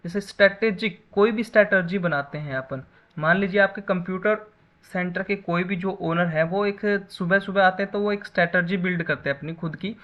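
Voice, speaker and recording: A man's voice: high-pitched, moderate pace, muffled recording. A man teaching a basic computer class in a lecture style, explaining with everyday examples and often checking back with "है ना".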